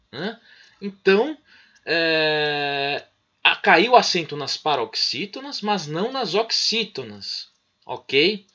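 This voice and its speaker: Man, Brazilian Portuguese accent, middle-aged, teacher, lively rising-and-falling pitch, dull lo-fi recording. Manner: explanatory, frequent "né?" and "certinho?" check-ins. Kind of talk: recorded online micro-lesson.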